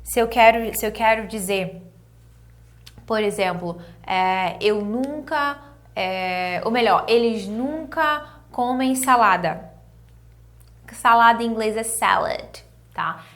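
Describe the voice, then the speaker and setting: A young Brazilian woman leads an online English lesson, with an accent from home and a lively, encouraging way of drilling vocabulary. Her voice sits a touch high and sounds bright and forceful. She takes her time, repeating each word slowly. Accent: Brazilian Portuguese. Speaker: English teacher.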